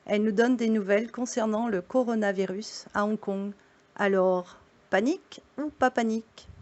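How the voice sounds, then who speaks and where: A woman's voice: medium pitch, fairly even intonation, moderate pace, a little mellow, dull audio. A woman hosting a show, greeting viewers in a chatty way and asking interview questions. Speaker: host.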